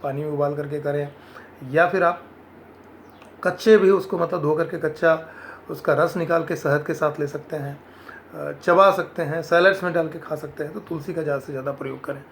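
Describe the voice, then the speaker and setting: A man's voice: fairly high pitch, steady tone, moderate pace, creaky, a little hiss or hum. A man from India giving earnest health advice in an informal explanatory talk, slipping English phrases into his speech.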